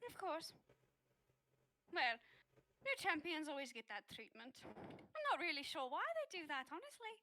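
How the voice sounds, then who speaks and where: A woman voicing a graceful bird-like high priestess. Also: very animated, sharp tone, a little hiss or hum, full character voice. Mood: courteous. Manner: formal, polite, halting in-character speech.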